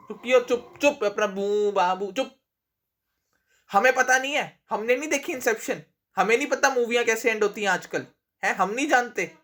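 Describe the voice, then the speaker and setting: A young man in casual live movie commentary, excitable and swearing, whose voice goes thin and high when excited. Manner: excitable, swears often, laughs a lot. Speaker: movie reaction host.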